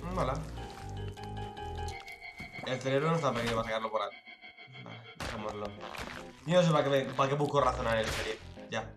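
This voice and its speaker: A man giving casual reaction commentary, swearing, mocking and breaking into shouts. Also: mid-range voice, fast talker, long pauses, roomy sound, music in the background. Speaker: video reactor.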